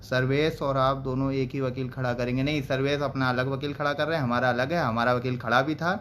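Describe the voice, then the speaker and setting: A man's voice: medium pitch, steady tone, brisk, fairly bright tone, slight background noise. A young man organizing a teachers' group, talking on a live stream, earnest and appealing, growing heated and insistent as he answers viewers.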